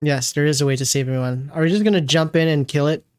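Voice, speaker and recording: A woman streamer reacting live and casually to a game, excitable and slangy, repeating herself in disbelief. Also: low voice, fast, no echo, clean studio sound.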